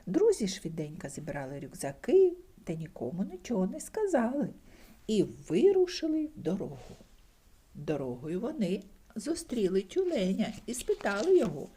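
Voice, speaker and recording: Reading a bedtime fairy tale aloud, an older woman swings hugely in pitch, taking on high character voices and then falling to gentle whispers. She keeps a moderate pace, and her voice is slightly rough.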